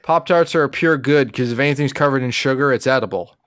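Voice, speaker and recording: A man co-hosting a comedy podcast, delivering absurd bits in a deadpan, mock-earnest way. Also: medium pitch, fast, dry recording, studio quality. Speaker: podcast co-host. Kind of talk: casual comedic chat.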